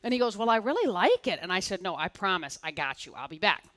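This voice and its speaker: Bright-voiced woman telling a story on stage. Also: mid-range voice, fast. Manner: animated, acts out both sides of dialogue. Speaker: keynote speaker. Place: conference stage before an audience.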